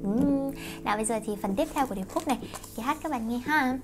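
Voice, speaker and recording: A young Vietnamese woman teaching English through songs, explaining quickly and slowing down to sing lines. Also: sits high, loud music behind the voice. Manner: quick explanations broken by slow sung lines. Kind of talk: song-based English pronunciation lesson.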